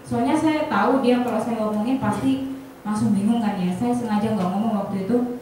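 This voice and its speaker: Animated woman telling a story. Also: fairly high pitch, fairly quick. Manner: animated storyteller, acts out dialogue, often addresses the audience. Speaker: insurance agent speaking to colleagues. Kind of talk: personal story told to an audience. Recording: echoey hall from far off, faint noise.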